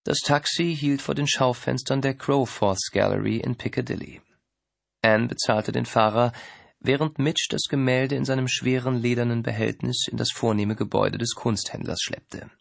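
Gravelly male audiobook narrator. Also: medium pitch, fairly even intonation, moderate pace, no room sound. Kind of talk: scripted narration.

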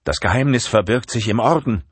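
Desperate trapped professor, voiced by a male narrator, raised pitch, urgent shouting in an audiobook. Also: expressive, brisk, slightly rough, no room sound.

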